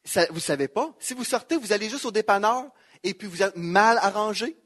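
High-voiced Quebec French pastor preaching. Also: male voice, animated, brisk, fairly bright tone. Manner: emphatic, repeats key phrases, quotes scripture. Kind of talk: sermon.

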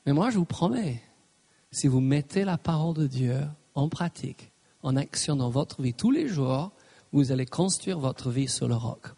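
A man's voice: mid-range voice, animated, moderate pace, creaky, mellow, husky. A man preaching a sermon, emphatic, punctuating his points with "Amen" and slipping in English phrases. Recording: reverberant hall.

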